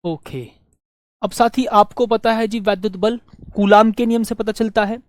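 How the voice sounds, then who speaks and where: A male teacher leads a physics class, repeating each phrase slowly so students can take notes. He poses questions and answers them himself, and coaxes his listeners as dear friends. The voice is dry and close, with no room sound. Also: high-pitched, steady tone, no room sound. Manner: warm coaxing address to students as dear friends. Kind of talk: physics lesson with dictated notes.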